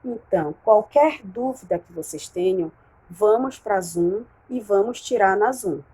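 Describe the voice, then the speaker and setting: A woman's voice: medium pitch, warm tone, breathy edge, rough recording. A woman with a Brazilian Portuguese accent, a primary school teacher recording a remote lesson and patiently walking young pupils through worksheet exercises, drawing out key words and checking in often. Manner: patient, slow over key words, frequent "né?" and "certo?" checks.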